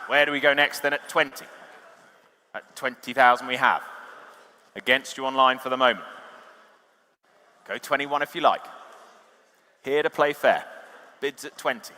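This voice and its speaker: A man's voice: medium pitch, bright, forceful tone. A man calling a live auction, chatty and joking with the bidders. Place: large reverberant auction hall. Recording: reverberant hall, amplified sound.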